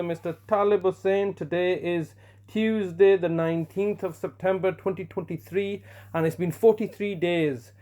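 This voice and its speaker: A man's voice: high voice, darkish tone. A man leaving a long, aggrieved voicemail, heard over a phone line, accusing and stumbling over fillers as he goes. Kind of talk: long complaining voice message. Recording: muffled phone-line recording.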